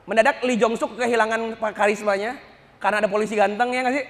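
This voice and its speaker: Guy preacher cracking jokes in a lecture, highish voice, big echoey hall. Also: fast talker. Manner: joking, animated storytelling. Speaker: Islamic preacher. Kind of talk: humorous religious lecture.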